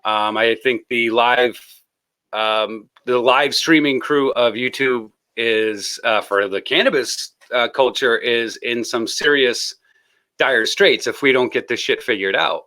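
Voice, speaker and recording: A man hosts a live stream in loose, rambling talk, often breaking into laughter. His voice sounds bright and open. He jokes his way through greeting his guests. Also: mid-range voice, takes it slowly. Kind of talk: casual live stream chat.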